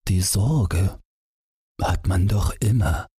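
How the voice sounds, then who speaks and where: A worried, kindly father musing to himself in a very deep, husky voice, as a man reading a story voices him. He speaks slowly and gently, with a troubled tone. The sound is dry and close. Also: dry recording, full character voice.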